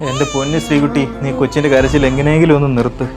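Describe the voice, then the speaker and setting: A self-centred young husband, played by a man, with a middle-pitched voice. He speaks quickly. His manner is curt and dismissive. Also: level tone, loud music behind the voice, close to an everyday voice. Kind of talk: short film acting.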